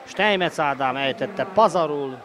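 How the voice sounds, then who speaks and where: A man giving excited, openly partisan live play-by-play sports commentary as he roots for his team. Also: on the high side. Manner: excited, breaking into shouted goal calls. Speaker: sports commentator of a water polo match. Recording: noisy live sports venue ambience.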